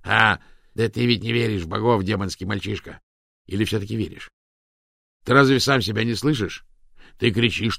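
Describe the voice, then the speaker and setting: A man's voice: lowish voice, gravelly, sharp tone, husky, no room sound, clean studio sound, full character voice. A man doing a scornful old priest. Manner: preaching, mocking.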